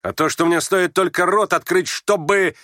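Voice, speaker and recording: A man's voice: on the high side, expressive, normal speed, fairly bright tone, dry recording, clean studio sound, voice pushed up. A man reading aloud, voicing a bitter young man who snaps at his father scornfully. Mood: angry. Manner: scornful, snapping. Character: young man, bitter, sharp-tongued son.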